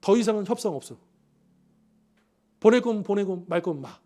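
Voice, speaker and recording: A man's voice: high-pitched, lively intonation, fairly quick, dark tone. A man voicing a scornful, sarcastic ancient king within a sermon. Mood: dismissive. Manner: sarcastic, mocking.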